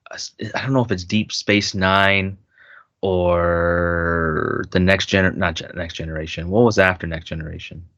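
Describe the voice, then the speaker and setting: A man's voice: sits low, a little slow, dry recording, dull audio. A man co-hosting a podcast, chatting casually and retelling movie scenes, laughing often and restarting his sentences. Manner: animated storyteller, laughs often, many restarts. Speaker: podcast co-host. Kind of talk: casual chat.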